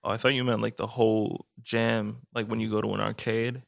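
A young man co-hosting a casual chat, playful and animated, acting out voices. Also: on the low side, fairly quick, vocal fry, dry recording, clean studio sound. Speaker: podcast co-host.

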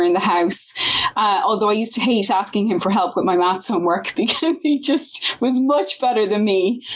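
Woman in her 40s, west of ireland accent, chatty and effusive podcast guest, mid pitch. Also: low-quality recording. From Galway, west of Ireland. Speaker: podcast guest, science academic. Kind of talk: conversational interview, personal recollection.

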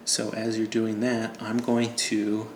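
A man's voice: lowish voice, completely flat delivery, slow pace. A man narrating as game master in a casual, joking way. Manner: casual, laughing, loose and joking. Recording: echoey room with faint ambient noise.

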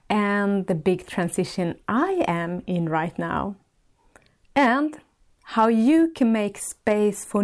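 A woman from Sweden, a native Swedish speaker with a Swedish accent, hosts a solo podcast as a life coach. Her voice is medium-pitched, and she gently searches for words in English, making small restarts.

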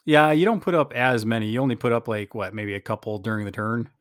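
A man's voice: medium pitch, fast, no echo. Man casually recapping a game, dry close sound. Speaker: podcast host.

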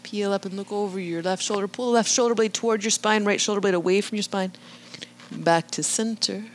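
A woman leading a live yoga class, calmly cueing breath and movement and often checking in with "right?". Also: medium pitch, slight background noise. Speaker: yoga instructor.

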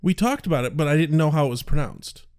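A man co-hosts a podcast in relaxed chat. He speaks with a lively, swooping pitch and acts out little quotes as he goes. His voice sits fairly high for a man. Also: fast, clear, resonant tone, dry recording, studio quality. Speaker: podcast co-host.

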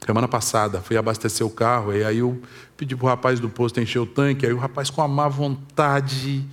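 A man preaching with a Brazilian accent, telling a personal story in his sermon, swinging from loud, raised passages to hushed confession. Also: mid-range voice, little pitch movement, brisk. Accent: Brazilian Portuguese. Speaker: pastor.

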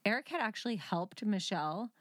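Female true-crime podcast host. Medium pitch, casual storyteller who explains and teases, recorded dry. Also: animated, fairly quick, fairly bright tone, no room sound.

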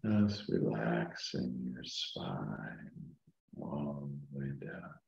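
Man, guided meditation, calm meditative tone, extremely low gravelly voice, muffled recording. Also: very slow, echoey room.

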